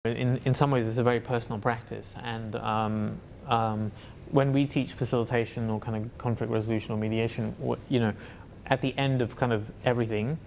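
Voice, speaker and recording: A man's voice: medium pitch, fairly even intonation, a little fast, creaky, hardly any pauses, darkish tone, slight background noise. A man talking as an interview guest about his work as a facilitator, in a reflective and hesitant way with many fillers and restarts. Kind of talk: reflective conversational answer.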